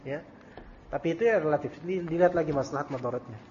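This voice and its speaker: A man's voice: on the high side, quick pace, darkish tone. A man teaching a religious study circle, reading out questions and answering them in a casual, joking way. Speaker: Islamic teacher. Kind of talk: recorded study-circle lecture with Q&A. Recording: dull lo-fi audio with faint hiss.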